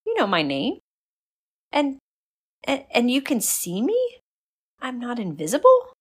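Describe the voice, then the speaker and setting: A woman reading a storybook voicing a shy, lonely young girl who speaks softly and hesitantly. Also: a little high, wildly swooping pitch, a little slow, breathy edge, voice pushed up, heavily acted. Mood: startled.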